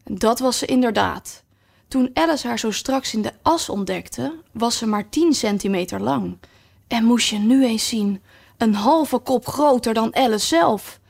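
A woman narrating a children's story aloud in a calm, even reading manner. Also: on the high side, unhurried, vocal fry, slightly rough. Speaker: audiobook narrator.

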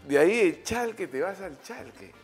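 A man's voice: high-pitched, expressive, moderate pace, soft background music. A man with a Peruvian Spanish accent, hosting a casual interview, laughing often and reacting with short interjections. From Peru. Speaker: podcast host.

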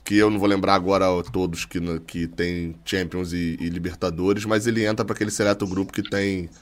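A Brazilian man chatting casually on a football podcast, halting as he searches for his words. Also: low-pitched, fairly even intonation. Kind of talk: casual chat.

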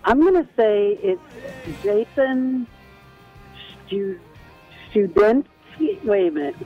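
A woman's voice: medium pitch, lively intonation, takes it slowly, faint music behind. Woman caller on a crackly phone line. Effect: crackly cordless phone line with static. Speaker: radio call-in contestant. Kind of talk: phone-in quiz guessing. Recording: tinny, static-filled phone line.

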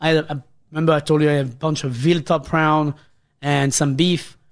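A man's voice: a little high, little pitch movement, fairly quick. A man in his fifties with a French accent, a chef co-hosting a casual radio chat, explaining dishes step by step with many restarts. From France.

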